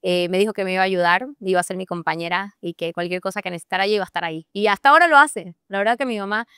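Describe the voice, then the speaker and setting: A young Bolivian woman with a Santa Cruz accent, a podcast guest telling a personal story in an animated way and laughing often. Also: medium pitch, rapid-fire, clear, resonant tone, no room sound, clean studio sound. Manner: animated, laughs often, acts out her own past thoughts. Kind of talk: personal storytelling in a casual interview.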